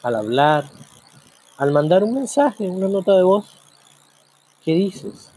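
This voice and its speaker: Male host, reflective monologue, slightly raised pitch, mellow dark tone, many rhetorical questions. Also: very animated, husky. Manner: musing, full of rhetorical questions, slow drawn-out pauses. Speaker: program host.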